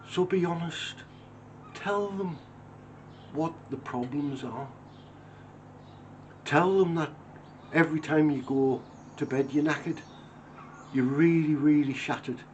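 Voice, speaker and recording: A man's voice: mid-range voice, slight background noise. Plain-spoken man in his fifties. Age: 50s. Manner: earnest, plain-spoken, acts out everyday dialogue. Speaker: woodworker. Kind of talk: reflective talk to camera. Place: home workshop.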